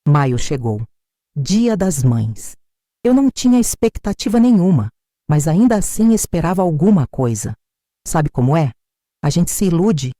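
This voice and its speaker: An older woman with a Brazilian Portuguese accent narrating a first-person family story in a measured, bitter, reflective way. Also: low voice, big pitch swings, mellow, dry recording, studio quality.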